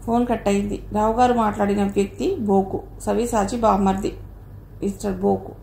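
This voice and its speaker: Lady reading a novel out loud, steady, echoey room, bit of hiss. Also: mid-range voice, normal speed, vocal fry. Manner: steady, storytelling. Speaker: audio novel narrator. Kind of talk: scripted narration. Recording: roomy echo, faint noise.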